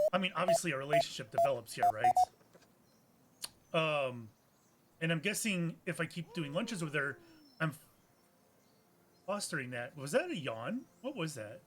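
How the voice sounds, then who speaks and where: A man's voice: on the high side, fairly bright tone. A man giving let's play commentary, thinking aloud in a hesitant, musing way with frequent restarts. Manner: musing, hesitant, self-correcting. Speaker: gameplay streamer.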